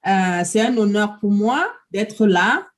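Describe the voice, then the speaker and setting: A woman's voice: medium pitch, expressive, slow. A middle-aged woman from Cameroon answering interview questions politely, hesitating often. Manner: polite, hesitant with many fillers. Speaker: interview guest.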